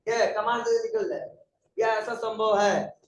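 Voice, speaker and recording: Heard from a distance in an echoey room, a man with a fairly high voice teaches a computer class at a normal speed. His lecture is conversational, and he often asks the students questions.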